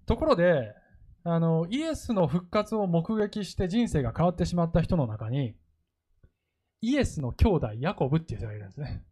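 A man's voice: a little high, moderate pace, breathy edge. A male pastor preaching a sermon, telling stories and acting out quoted lines. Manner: lively storytelling, acts out quoted lines.

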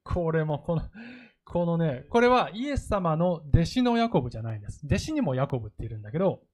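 A man's voice: a little high, quick pace. A male pastor preaching a sermon, telling stories and acting out quoted lines. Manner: lively storytelling, acts out quoted lines.

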